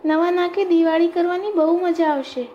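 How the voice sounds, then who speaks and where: A woman's voice: extremely high pitch, steady tone, moderate pace, warm tone, muffled recording, slight background noise, voice pushed up. A woman doing a cheerful, eager Brahmin wife.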